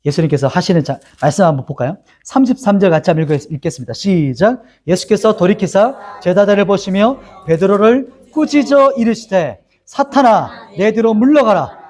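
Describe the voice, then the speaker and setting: A man's voice: high voice, a little fast, few pauses. A male pastor teaching a Bible lesson, asking his listeners questions and reading scripture aloud with them. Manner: animated, asks the congregation questions, reads scripture aloud together.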